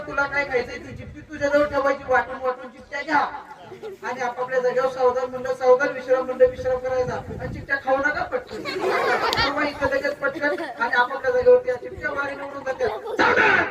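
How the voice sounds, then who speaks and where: A man's voice: very high-pitched, fairly even intonation, fast talker. Marathi-accented male magician, commanding patter, heard from afar over a crowd. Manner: commanding, counts and barks drill orders. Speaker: stage magician. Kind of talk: live stage patter with children. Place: outdoor birthday event. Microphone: handheld stage mic. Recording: echoey crowd, far from mic.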